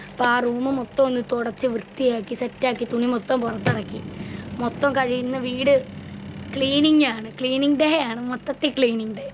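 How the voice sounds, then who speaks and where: A young woman from with a hoarse, worn voice, chatting in a home vlog with tired, tart replies. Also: on the high side, noisy background. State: hoarse, lost her voice. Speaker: vlogger. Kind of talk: casual family vlog chat.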